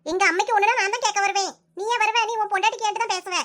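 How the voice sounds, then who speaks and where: A woman voicing a sharp-tongued, bossy older mother-in-law in a comic cartoon, with a Kanyakumari Tamil accent and a nagging, rapid-fire way of scolding. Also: very high-pitched, fairly even intonation. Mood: complaining.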